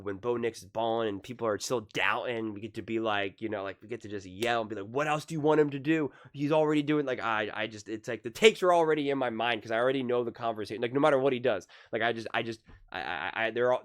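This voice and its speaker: Excitable rambling sports vlogger man. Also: lowish voice, fast talker, hardly any pauses, clean tone. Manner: excitable, rambling, repeats himself. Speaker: sports commentary YouTuber. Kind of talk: solo sports opinion vlog.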